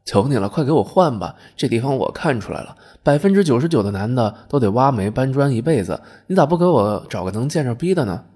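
A man's voice: mid-range voice, lively intonation, fast, few pauses, dark tone, slightly rough, pitched above the performer's own voice. A man voicing a foolish modern man thrown into the past, who talks in a whiny, pleading way.

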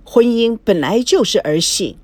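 A woman voicing a weary young groom in an audiobook, speaking in a flat, dejected way. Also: mid-range voice, a little slow, dry recording. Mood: gloomy.

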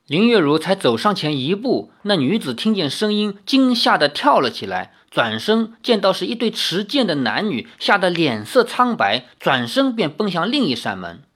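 A storyteller reading a novel aloud, animated and acting out each character. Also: mid-range voice, normal speed.

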